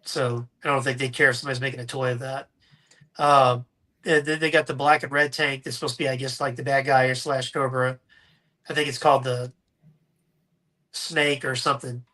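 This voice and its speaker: A man's voice: medium pitch, flat delivery, fairly quick, bright, forceful tone. A man co-hosting a casual live stream about toys, rambling and joking with plenty of fillers and restarts. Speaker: co-host.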